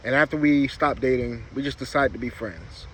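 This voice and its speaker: A man's voice: mid-range voice, moderate pace, fairly bright tone. A man vlogging in a laid-back, rambling storytelling style, his words slightly muffled by a lip packed with chewing tobacco. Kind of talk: casual storytelling chat to camera. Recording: clear background noise, vehicle ambience.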